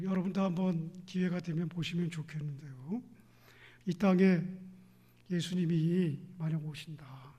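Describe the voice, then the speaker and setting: A male pastor delivers an evening sermon in a fairly high, husky voice. He questions the congregation and answers his own questions. His delivery swings between hushed near-whispers and loud, ringing exclamations.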